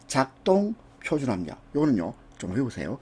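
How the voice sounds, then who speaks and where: Husky-voiced man giving an exam prep lecture. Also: mid-range voice, wildly swooping pitch, moderate pace, dark tone. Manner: walks through answers step by step, with casual asides.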